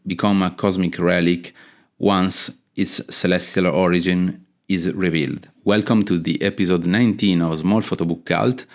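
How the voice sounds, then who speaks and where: A man hosting a podcast interview, speaking hesitantly with many fillers and restarts. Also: sits low. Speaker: podcast host. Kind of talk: casual interview chat.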